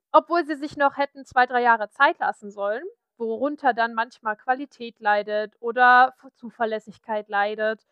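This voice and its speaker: A woman's voice: on the high side, fairly bright tone, dry recording, highs cut off. Chatty woman from Saxony, dry sound. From Saxony, Germany. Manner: frank, chatty, many fillers. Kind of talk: casual podcast chat.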